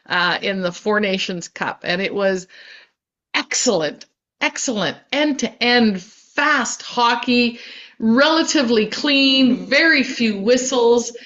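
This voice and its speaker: A woman's voice: on the high side, fairly bright tone. Chatty woman on dull audio. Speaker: co-host. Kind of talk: casual live-stream chat.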